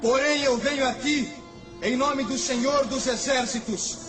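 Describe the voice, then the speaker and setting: An actor playing a brave, devout young shepherd in a radio play, earnest and declamatory. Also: male voice, medium pitch, moderate pace, over music, natural voice. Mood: defiant, declamatory. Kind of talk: dramatized radio play acting.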